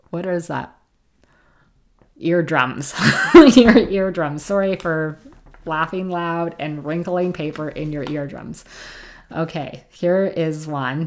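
A woman hosting a casual podcast, reading listener letters aloud in a gentle, chatty way. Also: deep voice. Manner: reads gently, laughs easily, chatty asides.

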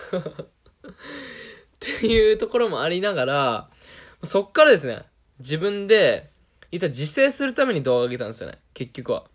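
A man's voice: on the high side, sing-song, moderate pace, long pauses, a bit bright. A young man with a Kansai Japanese accent, talking in a casual, self-deprecating monologue and laughing often.

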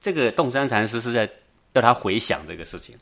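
A man giving a Buddhist dharma talk, telling a Zen tale in an animated way, chuckling and often checking that his listeners follow. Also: medium pitch, a little fast. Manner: animated, keeps asking the audience for agreement, chuckles often. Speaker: Buddhist teacher.

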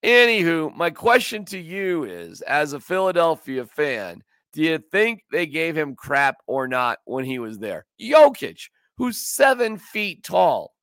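A man with a fairly high, gravelly voice chats loosely about sports as the host of a podcast. His pitch swings all over as he jokes and rambles. The sound is close and dry, with no room to it. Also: sing-song, unhurried, hardly any pauses, a bit bright, no room sound. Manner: joking, rambling, does silly voices. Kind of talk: casual sports chat.

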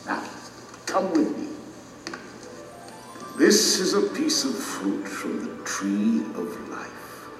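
A man's voice: mid-range voice, sing-song, drawn-out words, pauses often, far from the mic. An actor playing a majestic, merciful king who judges solemnly and proclaims in formal, stately speech in an audio drama. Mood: solemn, benevolent. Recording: cavernous echoing hall, music underneath.

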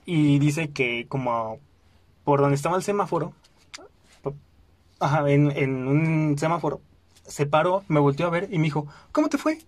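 Young Mexican man telling a personal story, casual and animated, slightly high voice, dry sound. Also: unhurried, long pauses, no echo. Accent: Mexican Spanish. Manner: animated, acts out quoted voices, frequent fillers. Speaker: podcast host.

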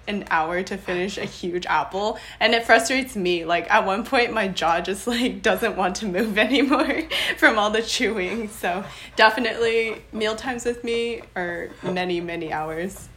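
A young adult woman from Los Angeles, USA, speaks at a medium pitch with a fairly bright tone. She's a podcast guest in a casual interview chat, bubbly and laughing often, with quick restarts.

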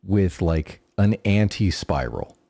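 A man's voice: low voice, animated, slow pace, mellow, no echo, studio quality. A man co-hosting a casual sports podcast, talking in a laid-back, profane way. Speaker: podcast co-host.

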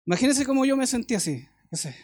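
A man's voice: very high-pitched, sing-song, fast, darkish tone. Chilean man preaching conversationally. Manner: conversational preaching with homely anecdotes and check-in questions. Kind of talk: sermon.

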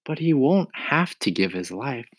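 A man voicing a calm, resourceful young boy in a storybook reading, earnestly explaining a plan. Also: mid-range voice, measured pace, breathy edge, no echo, pitched above the performer's own voice.

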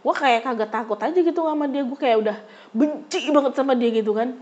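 A young woman telling a casual personal story, lively and quick to jump up when she acts out a quarrel. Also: muffled recording. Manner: animated, jumps high when acting out arguments.

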